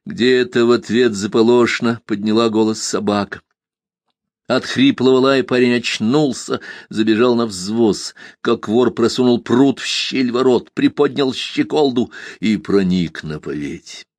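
A man narrating an audiobook in an expressive, dramatic reading style. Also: mid-range voice, a little slow, no echo.

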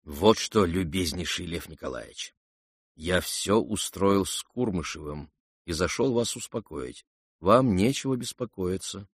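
A male reader voicing a polished, confiding society gentleman in an audiobook. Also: low-pitched, lively intonation, a little slow, breathy edge, no room sound, clean studio sound, heavily acted. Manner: hushed, confiding, quiet. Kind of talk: audiobook character reading.

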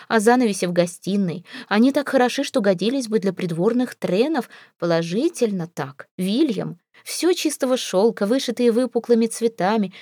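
A woman's voice: medium pitch, darkish tone, no echo, lightly acted. Fretful, tearful older mother-in-law in an audiobook, read by a woman, sighing and plaintive, close and dry. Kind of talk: audiobook character reading.

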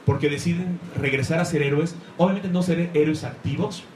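Brief: man, fairly high voice, excited, rambling presenter, roomy echo, light hiss. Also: brisk. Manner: excited, rambling, searches for words. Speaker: comics talk presenter. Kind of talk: enthusiastic talk to a live audience. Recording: echoey room, faint noise.

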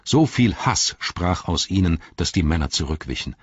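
A man reading an audiobook as narrator, calm and even. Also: low voice, normal speed, husky, no room sound, lo-fi sound. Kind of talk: scripted narration.

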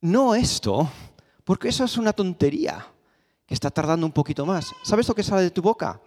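A male pastor preaches, telling stories and hammering points home through rhetorical questions and repetition. His voice sits a bit high and carries a long reverb the church hall. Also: very animated, fairly quick, a little mellow. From Spain. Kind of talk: sermon. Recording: echoey hall.

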